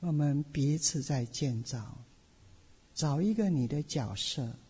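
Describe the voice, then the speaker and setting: Husky woman pastor in a reverberant hall. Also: low voice, slow. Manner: animated storytelling with playful asides. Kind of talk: personal testimony sermon.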